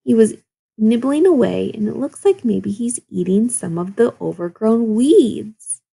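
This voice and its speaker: This woman's voice is on the high side, mellow and expressive, a bit slow, with vocal fry and a breathy edge. A second-grade teacher, she reads a children's story with feeling, pausing to quiz her young students in an instructive way.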